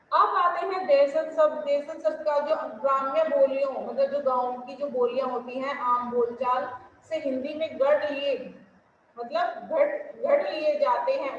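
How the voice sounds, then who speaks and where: High-pitched woman teaching in echoey room. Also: a little hiss or hum. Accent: Hindi, Delhi region. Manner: explains patiently, asks questions then answers them herself. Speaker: school Hindi teacher. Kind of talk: online grammar lesson. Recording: echoey room, dull lo-fi sound.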